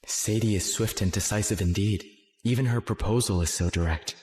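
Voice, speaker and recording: A man acting a cool, resolute young man in a dubbed short drama, speaking in a measured, firm way as he spurns old friends. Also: fairly low pitch, a little mellow, slightly rough, no echo. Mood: calm resolve. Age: young adult.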